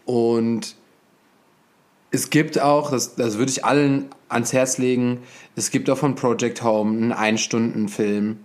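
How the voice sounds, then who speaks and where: A man's voice: mid-range voice, steady tone, unhurried, a little mellow. A man hosting a casual conversation, enthusiastic and slangy, talking in long rambling runs. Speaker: host.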